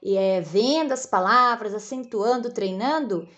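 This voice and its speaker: A woman's voice: a little high, measured pace, a bit bright, dull audio. A Brazilian woman teacher explaining a lesson to children patiently, spelling out syllables and checking in often. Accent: Brazilian Portuguese. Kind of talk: recorded classroom lesson for children.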